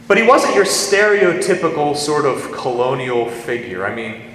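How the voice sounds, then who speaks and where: A man's voice: medium pitch, a bit bright. Man preaching in an echoey church. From western Pennsylvania, US. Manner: folksy storytelling, slows down on scripture quotes. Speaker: pastor. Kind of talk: sermon. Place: large reverberant church. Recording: echoey church hall, faint hum.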